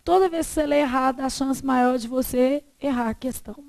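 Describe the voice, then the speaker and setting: High-voiced Brazilian woman teaching. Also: a little fast, gravelly, no echo. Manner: lively, asks the class questions and answers them herself. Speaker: Portuguese teacher. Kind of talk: classroom lesson on exam questions.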